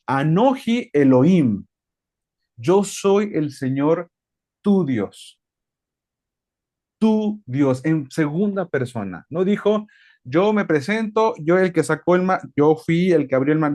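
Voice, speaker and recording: Male bible teacher, interactive sermon, stretches key words for emphasis. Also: on the high side. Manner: lively, asks the audience questions, stretches key words.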